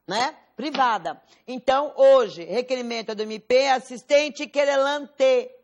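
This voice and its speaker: A woman's voice: high voice, unhurried, darkish tone, lo-fi sound. A Brazilian Portuguese woman teaching a law class, quizzing students with rhetorical questions and stressing key words. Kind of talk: classroom lecture.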